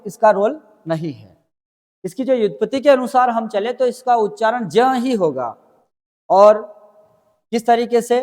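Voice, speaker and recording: High-voiced man teaching in a reverberant room. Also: a little mellow. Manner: addresses students as friends, explains step by step, asks and answers own questions. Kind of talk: classroom grammar lesson.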